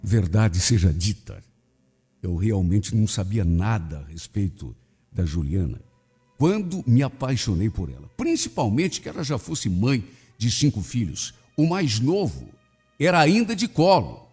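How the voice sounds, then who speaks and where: Husky man reading a dramatic story. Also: on the low side, big pitch swings, measured pace, long reverb tail. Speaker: radio host. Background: soft background music.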